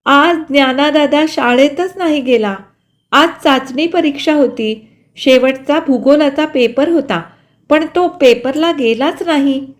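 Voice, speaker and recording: A woman's voice: sits high, lively intonation, slow pace, fairly bright tone, voice pushed up, heavily acted. A woman voicing a young girl who is anxious and crying as she pleads. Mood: tearful.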